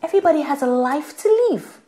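A woman's voice: high voice, lively intonation, brisk, heavy background noise. An actress with a Nigerian accent playing a busy young married woman, defensive and exasperated with her mother. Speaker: young wife. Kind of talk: film acting.

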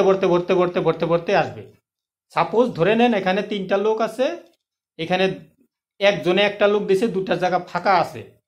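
A man with a high-pitched voice walks viewers through an online money-making plan in a loose, chatty way. He speaks persuasively, calls the listener friend and keeps stopping to ask if they are following along. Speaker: online income plan promoter. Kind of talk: casual explanatory video talk.

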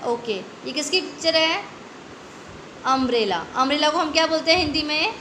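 An Indian woman teaching a young children's Hindi class, drawing out each word slowly and asking the kids questions. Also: high voice, bright, forceful tone, slight background noise. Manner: slow, drawn-out word stretching with quiz questions. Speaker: primary school Hindi teacher. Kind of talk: online class lesson. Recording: echoey room with faint ambience.

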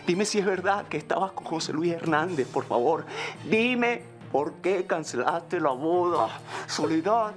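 An actor playing a jilted young man who insists on the truth, raising his voice and shouting in a telenovela scene. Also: sits high. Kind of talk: telenovela acting.

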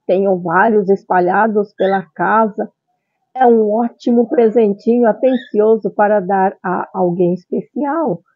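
A middle-aged Brazilian woman presents products to camera in a high, cutesy voice. She takes her time, exclaims often and mixes in Japanese phrases. The sound is dull and boxy, like a phone recording. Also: no echo. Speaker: channel host. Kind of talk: vlog product showcase. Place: small tiled room at home.

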